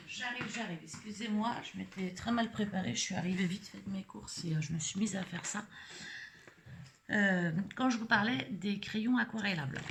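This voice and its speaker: Middle-aged woman vlogger, lowish gravelly voice, chatty and hesitant while showing a craft project. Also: fairly bright tone, slight background noise. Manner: rambling, many hesitations and fillers. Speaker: scrapbooking vlogger. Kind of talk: casual live craft demonstration.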